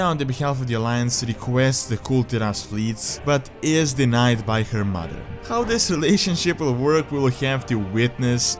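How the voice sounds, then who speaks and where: A man delivers scripted top ten countdown narration at a middling pitch. Music plays clearly behind his voice throughout. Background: background music.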